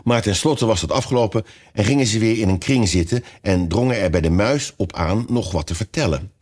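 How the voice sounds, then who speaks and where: A man reading a children's story aloud as narrator, with expressive storytelling. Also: fairly low pitch, fairly quick. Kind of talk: audiobook reading.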